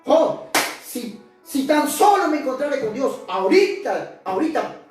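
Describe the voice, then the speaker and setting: High-voiced woman preaching in an echoey hall. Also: very animated, a little slow, a little mellow. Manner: impassioned, dramatically acting out scripture quotes. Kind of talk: sermon. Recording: echoey church hall, mic at a distance, faint music.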